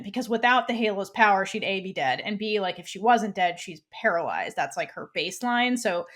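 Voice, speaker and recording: A woman's voice: medium pitch, fairly bright tone. A woman co-hosting a podcast, chatting casually as she retells an episode and acts out the characters' lines. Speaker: podcast co-host. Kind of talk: casual chat recapping a TV episode.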